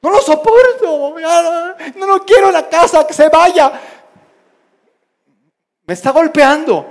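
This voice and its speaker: A man voicing young children fighting, shouting and whining shrilly at each other. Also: very high voice, lively intonation, takes it slowly, voice pushed up, full character voice. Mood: whiny, shrieking.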